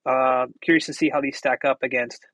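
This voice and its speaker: A man talks in an offhand, conversational way as he runs a mic test. His voice is medium-pitched and comes through an earbud or headset microphone, unprocessed and dry, with very little room sound. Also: steady tone, brisk, a bit bright, no room sound. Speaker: tech reviewer. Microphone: wireless and wired earbud or headset mics, unprocessed.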